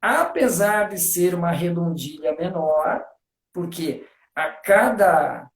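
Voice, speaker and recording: A man's voice: a little high, expressive, takes it slowly, echoey room. A man, a guest on a live stream, explains things eagerly in casual talk. He fills his speech with "né" and counts out rhythms aloud. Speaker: guest discussing literature.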